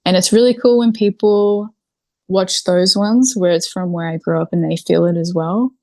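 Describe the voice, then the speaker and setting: A New Zealand video creator, interviewed casually on a podcast, talks at normal speed in a low, dark voice, peppering her speech with "like" and "literally." The recording is dry.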